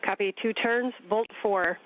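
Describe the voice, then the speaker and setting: A man with a high voice speaks over a thin, narrowband radio. He gives formal, clipped readbacks as a mission communicator, sci-fi style. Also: unhurried. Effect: radio link.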